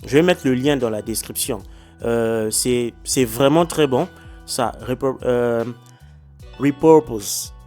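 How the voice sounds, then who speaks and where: A man who lives in China gives a casual tutorial vlog with a screen demo, explaining social media monetization, speaking indoors with faint music behind him. His voice is medium-pitched, a little slow and a little mellow. English isn't his first language, so he stumbles on English words, hesitates with many fillers and restarts, and keeps asking viewers "ok?"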